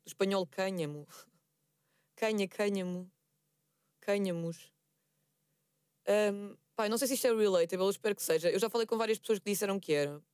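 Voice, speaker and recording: A woman's voice: medium pitch, brisk, long pauses, a little mellow, smooth, no echo, studio quality. A woman podcast host with a European Portuguese accent, chatting in a rambling, self-deprecating way. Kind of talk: casual chat.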